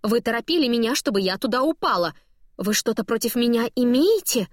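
A woman's voice: a little high, animated, fairly quick, dry recording, studio quality, voice pushed up. A woman voicing an angry, suspicious woman tourist who hurls accusations in an audiobook. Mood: accusing. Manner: accusing, sharp outbursts. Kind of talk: audiobook dialogue.

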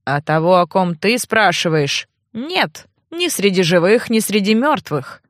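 A woman's voice: medium pitch, big pitch swings, a little slow, no room sound, clean studio sound. A woman voicing a grumpy, half-mad old male archivist who mutters curt, cross replies in an audiobook. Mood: muttering. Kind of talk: audiobook character voice.

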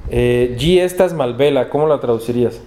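A man with a Mexican accent teaching a class in a university lecture hall, drilling pronunciation slowly and patiently, word by word. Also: medium pitch, warm tone, slight background noise. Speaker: Esperanto teacher.

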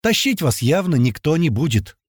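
A calm, timid heavyset man who lays out his reasoning slowly and deliberately, as a male narrator voices him. The voice sits somewhat above the narrator's own and has lively inflection. It is recorded dry and close. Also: a little high, breathy edge, no echo, pitched above the performer's own voice. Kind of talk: audiobook character voice.

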